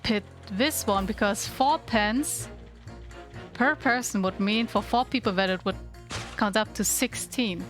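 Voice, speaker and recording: A woman's voice: mid-range voice, a little slow. A woman live-streaming a video game, chatting casually and a little self-deprecatingly as she plays. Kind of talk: casual live game commentary, reading dialogue aloud. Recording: game music behind the voice. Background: video game music.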